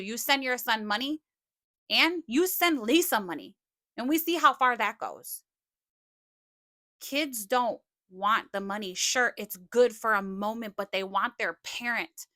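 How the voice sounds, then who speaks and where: Scolding woman with a bright voice. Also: fairly high pitch, no echo, studio quality. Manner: scolding, sarcastic, swearing. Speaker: streamer commenting on a livestream feud. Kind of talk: confrontational live commentary.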